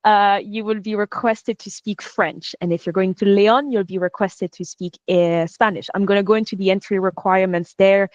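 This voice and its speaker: A woman's voice: mid-range voice, fairly even intonation, normal speed, few pauses, no echo. Irish woman presenting over a dull call. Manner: friendly, explanatory, with frequent "uh" fillers. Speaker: master's program coordinator. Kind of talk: online presentation. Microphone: video call. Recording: dull lo-fi video call audio.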